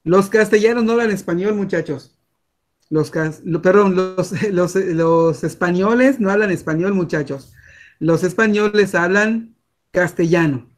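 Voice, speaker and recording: A man's voice: high voice, measured pace. A Mexican man teaching a class over a video call, chatty and full of fillers and restarts. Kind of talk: online class lecture.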